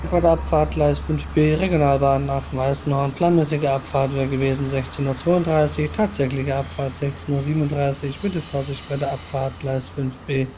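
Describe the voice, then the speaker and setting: Man doing flat platform announcements, loud noise. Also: medium pitch, normal speed, few pauses. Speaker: train-spotting video maker and commentator. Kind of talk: amateur commentary in the manner of a platform announcement. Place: outdoors on an open railway station platform. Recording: loud outdoor station and train noise. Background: loud ambience and vehicle noise.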